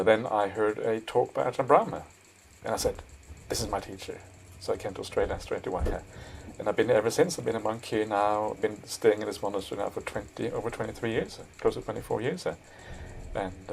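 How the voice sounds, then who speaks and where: A middle-aged man from Norway, a Buddhist monk answering interview questions thoughtfully, with many pauses and fillers. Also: fairly low pitch, vocal fry, slight background noise, low-quality recording. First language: Norwegian. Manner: thoughtful, frequent "uh" and "yeah", soft laughs. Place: monastery.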